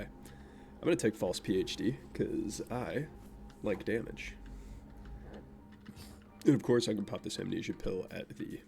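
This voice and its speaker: Speaking with a fairly low, gravelly, darkish voice that's naturally nasal, a young man from Vermont rambles over game music. His gameplay commentary is casual and offhand, with self-deprecating chat about his life.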